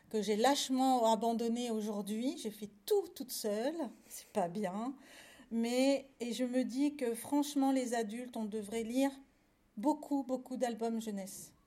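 A woman chatting enthusiastically about children's picture books, then reading one aloud with expressive storytelling. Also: fairly high pitch, measured pace. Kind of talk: casual chat and reading a picture book aloud.

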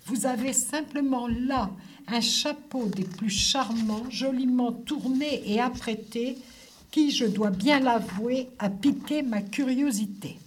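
A woman's voice: fairly high pitch, slow pace, a little hiss or hum, voice pushed up. Madame Joséphine, a woman doing a refined milliner. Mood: gracious. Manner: formal, polished and courteous. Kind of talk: storybook reading.

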